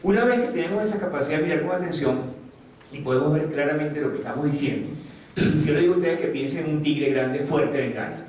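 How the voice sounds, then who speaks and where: A man with a fairly high voice gives an animated motivational talk, asking his audience questions and acting out little dialogues. He is picked up by a distant mic, and the voice rings through a very echoey room with faint noise behind it. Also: quick pace. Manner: animated, asks the audience questions, acts out quotes. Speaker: speaker giving a talk.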